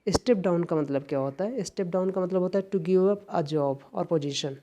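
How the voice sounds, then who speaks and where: A man with a high, mellow voice and an Indian accent speaks at normal speed while teaching an exam-prep English lesson. He explains patiently, going back over key phrases.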